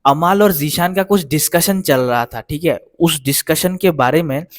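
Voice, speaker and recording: A man recapping reality show events in casual, rambling speech, often pausing to check in with his listeners. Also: on the high side, dry recording, studio quality. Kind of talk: casual spoken episode recap.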